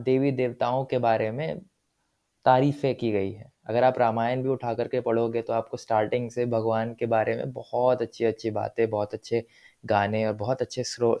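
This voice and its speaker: A man's voice: medium pitch, creaky, mellow, muffled recording. A man teaching a lesson patiently, often checking in with his students, with in his phrases. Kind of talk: explanatory lesson, mixing Hindi and English.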